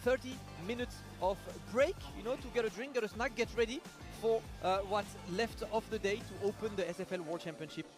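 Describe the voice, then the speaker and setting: A man's voice: high-pitched, fairly quick, hardly any pauses. A man hosting a live esports desk with casual, gamer-bro commentary. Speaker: esports commentator and broadcast host. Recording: loud music behind. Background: music.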